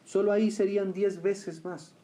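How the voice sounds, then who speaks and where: A man preaching a sermon who keeps asking his listeners questions and answering them, rising loud on key lines and dropping low and quiet on others. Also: level tone, moderate pace, a little hiss or hum. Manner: swings between raised emphatic lines and quiet low remarks.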